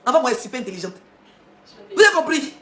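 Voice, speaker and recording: On a social media live stream, a woman launches into a heated rant, mocking her critics and firing rhetorical questions between laughs. Her high, somewhat bright voice swings widely in pitch and runs very fast, echoing around the room.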